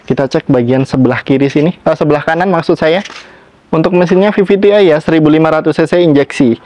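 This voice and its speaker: A man's voice: fairly high pitch, quick pace, dark tone. A man presenting used cars in a salesmanlike walkaround, talking up each feature. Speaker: used car seller presenting stock.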